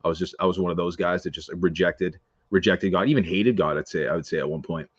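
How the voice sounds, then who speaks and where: Deep-voiced man on a muffled line. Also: quick pace, breathy edge, dry recording. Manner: earnest, laid-back, with many fillers. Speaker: podcast guest. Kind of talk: casual interview talk.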